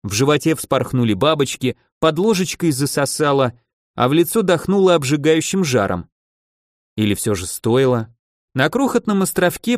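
A man narrating a fantasy audiobook in a steady, even reading. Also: fairly high pitch, no echo, studio quality.

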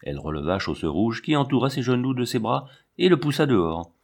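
A man reading a novel aloud as an audiobook narrator, in a measured, even manner. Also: mid-range voice. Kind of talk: scripted narration.

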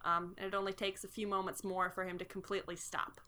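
A woman's voice: mid-range voice, flat delivery, fast, bright, forceful tone. A woman narrating as game master in a tabletop game, descriptive and full of fillers.

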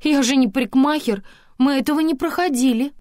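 A woman voicing a pushy young female image consultant who talks high, excited and insistent. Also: normal speed, no room sound, studio quality.

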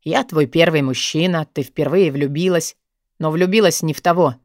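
A woman voicing a brooding, dominant young man who speaks in a low, measured, tired tone in an audiobook reading, recorded dry. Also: darkish tone, dry recording. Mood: weary, firm.

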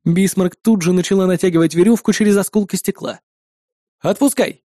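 A male narrator reads an adventure story in first person and changes his voice for each character he quotes. His voice sits high for a man, with a soft, mellow tone. The recording is close and dry, with no room echo. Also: fairly even intonation, fast. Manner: shifts pitch and loudness to voice different characters. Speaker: audiobook narrator.

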